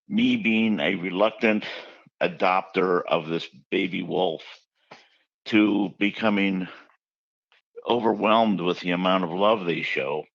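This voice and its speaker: A man with a low voice and vocal fry is interviewed about his book, casually telling chatty anecdotes and acting out the quotes. The recording has no echo and the highs are cut off.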